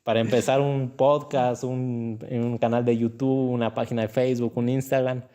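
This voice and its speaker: A man's voice: medium pitch, moderate pace, clear, resonant tone. A young man, telling stories in a casual interview, laughing often and acting out other people's voices. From Ecuador. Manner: animated storyteller who acts out voices and laughs often. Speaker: interview guest.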